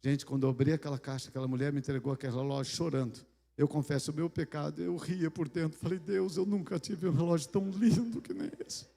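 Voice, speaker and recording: A man's voice: fairly high pitch, steady tone, fast, creaky, warm tone. A middle-aged Brazilian man preaching a storytelling sermon, acting out dialogues with God and making joking asides. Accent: Brazilian Portuguese. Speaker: pastor. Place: large church hall. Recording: long hall reverb.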